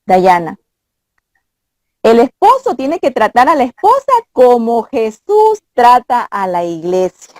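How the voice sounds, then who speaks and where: A woman's voice: fairly high pitch, wildly swooping pitch, slow, darkish tone, no echo. Earnest woman teaching from scripture. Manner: earnest, quotes scripture, mimics voices. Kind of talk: conversational Bible teaching.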